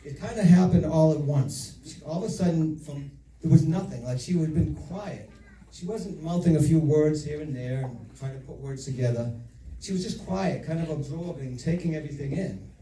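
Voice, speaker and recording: A man's voice: on the high side, mellow. Middle-aged man's echoey father of the bride speech. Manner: storytelling with deliberate pauses and repeated phrases. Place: reception room before an audience. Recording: echoey room, distant mic, audience noise. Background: audience laughter and crowd noise.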